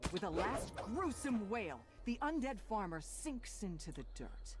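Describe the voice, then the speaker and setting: A woman narrating a dark fantasy game in a dramatic, scripted storytelling style, voicing eerie undead spirits. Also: medium pitch, sing-song, a little slow, music in the background. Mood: ominous. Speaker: game dungeon master narrator.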